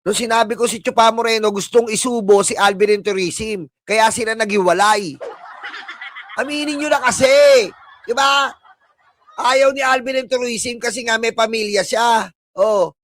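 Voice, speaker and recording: High-voiced Filipino man ranting and taunting. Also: normal speed, fairly bright tone. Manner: sneering, taunting, laughs at his own jabs. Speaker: political livestream commentator. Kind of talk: mocking live-stream rant.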